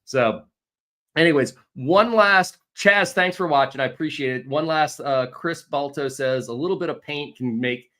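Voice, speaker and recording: A man hosting a casual livestream Q&A as a real estate agent, telling animated stories and swearing mildly. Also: on the high side, moderate pace, hardly any pauses. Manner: chatty, animated storytelling with mild swearing.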